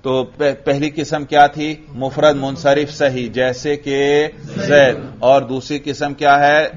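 Brief: male teacher, mid-pitched, quizzes his class, dull lo-fi recording. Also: flat delivery, a crowd in the background. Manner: asks the class questions and answers them himself, repeats key terms slowly. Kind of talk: classroom grammar lesson.

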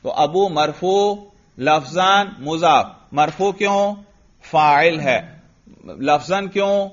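A man gives a grammar lesson, firing short questions at his class and answering them himself. His voice sits a little high, and the recording sounds dull and lo-fi. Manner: questions students and answers himself, drills step by step. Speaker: Arabic grammar teacher.

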